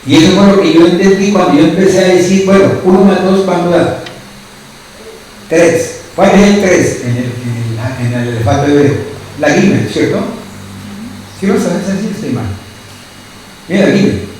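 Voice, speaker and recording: A man's voice: high voice, normal speed, pauses often, darkish tone. Male pastor, sermon delivery, peppers his preaching with questions to the congregation; distant mic in a very echoey hall, faint noise behind. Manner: asks the congregation constant questions.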